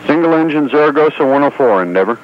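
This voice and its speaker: A man's voice: a little high, lively intonation, fast. A man giving clipped, procedural calls as mission control communicator over a crackly radio link. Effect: crackly space radio link. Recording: muffled radio with faint hiss.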